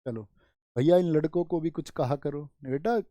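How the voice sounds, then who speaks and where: A male coaching teacher tells playful memory stories and keeps asking his students questions as he goes. His voice sits a little high but sounds mellow and dark. The recording is close and dry, with almost no room sound. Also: normal speed, no echo. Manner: animated storytelling mnemonics, addresses students directly. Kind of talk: online exam-prep class.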